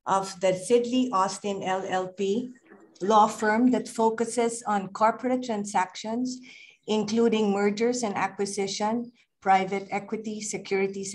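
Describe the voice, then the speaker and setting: An older woman, hosting a webinar and reading a formal, proud introduction of the speaker over a video call. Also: mid-range voice. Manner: measured, proud, ceremonial. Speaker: webinar host. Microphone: computer mic on a video call.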